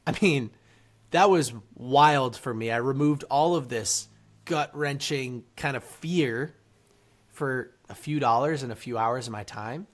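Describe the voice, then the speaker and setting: Unhurried and medium-pitched, a male podcast guest, an author and entrepreneur, shares his story in casual interview form. He speaks earnestly, with a motivational tone.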